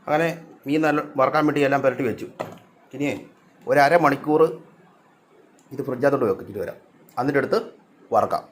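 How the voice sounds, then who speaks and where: A man, narrating his home cooking in a relaxed, chatty way. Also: brisk, pauses often. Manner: chatty, talks fondly to his cats in a higher voice. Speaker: cooking vlogger.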